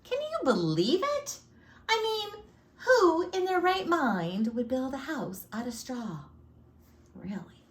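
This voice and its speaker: A woman's voice: high-pitched, wildly swooping pitch, slow, slight background noise, pitched above the performer's own voice, exaggerated voice. A woman voicing a chatty, self-pitying male wolf who tells his own side of a storybook tale with folksy, theatrical flair. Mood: sly, aggrieved. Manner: folksy, sly, theatrical sneezes. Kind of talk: storybook read-aloud. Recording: echoey room.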